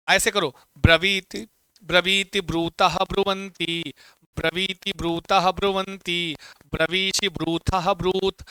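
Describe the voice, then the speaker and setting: A middle-aged male teacher with a high, bright voice chants Sanskrit verb forms and calls on students to repeat them back. His tone is smooth and clear, and he coaxes and teases the class. The sound is dry and close. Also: no echo. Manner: playful scolding, calls students beta. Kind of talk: classroom lesson with call-and-repeat drills.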